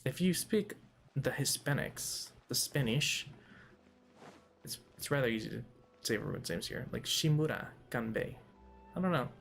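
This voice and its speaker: A man's voice: medium pitch, lively intonation, normal speed, gravelly, pauses often, a bit bright, faint music behind. A man hosting a let's play, giving casual, rambling commentary full of jokes and talking to the game's characters. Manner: jokey, rambling, talks to game characters.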